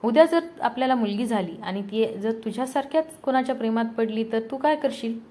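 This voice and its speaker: A woman's voice: on the high side, a little fast, dark tone, lightly acted. A woman reading a coaxing young wife. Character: young wife, affectionate and curious.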